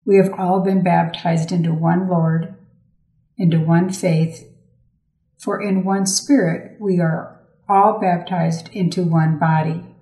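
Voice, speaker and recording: A woman reading a Gospel passage and its commentary aloud in a measured, solemn way. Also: fairly low pitch, steady tone, dark tone. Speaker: scripture reader. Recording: roomy echo.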